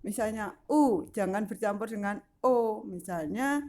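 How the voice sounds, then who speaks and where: A woman's voice: mid-range voice, a little slow, darkish tone. A woman teacher explaining a lesson to young children, patient and step by step, with frequent fillers. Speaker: primary school teacher.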